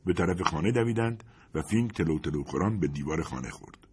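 A man reading a war novel aloud as a narrator, in a scripted, expressive storytelling delivery. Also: deep voice, noisy background. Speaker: audiobook narrator.

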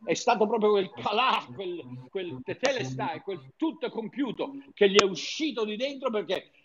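A man's voice: sits high, sing-song, normal speed, a bit bright. A man preaching in an informal, fervent teaching style, talking to his listeners like friends and often restarting his sentences. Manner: fervent, chatty, with frequent restarts. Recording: dull lo-fi sound.

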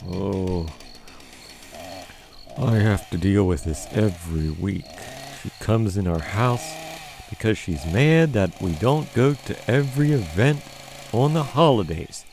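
Brief: exasperated put-upon husband played by a man, slow, swooping delivery, faint background noise, amateur comedy audio drama. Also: lowish voice, expressive, creaky, a little mellow, heavily acted. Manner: whiny, exasperated complaining. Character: sleepy, put-upon husband woken at night.

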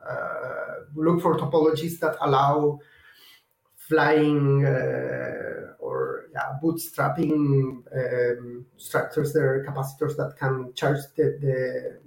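A man's voice: mid-range voice, creaky. Chilean-accented man in an echoey room. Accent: Chilean Spanish. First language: Spanish. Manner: hesitant, many fillers and restarts. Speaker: guest engineer. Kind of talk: technical interview.

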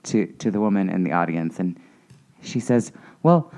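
A man's voice: low-pitched, normal speed, darkish tone. A man co-hosting a podcast, telling a story in a rambling, hesitant way full of restarts. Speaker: podcast co-host. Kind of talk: casual chat.

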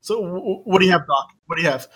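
A young woman from the Philippines co-hosting a casual podcast, blunt and relaxed with casual swearing. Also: lowish voice, racing, breathy edge. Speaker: podcast co-host.

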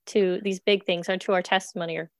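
A young woman hosting a faith podcast, speaking in a friendly, quick and chatty way. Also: lowish voice, fairly even intonation, no room sound, studio quality. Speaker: podcast host. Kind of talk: casual faith podcast interview.

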